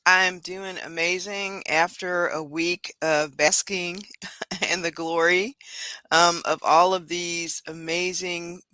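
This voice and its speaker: A woman co-hosting a casual online panel, speaking in an animated way with frequent laughs and a slightly hoarse morning voice. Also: on the low side, slow pace, no echo. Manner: animated, laughs often, lingers on words. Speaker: panel co-host.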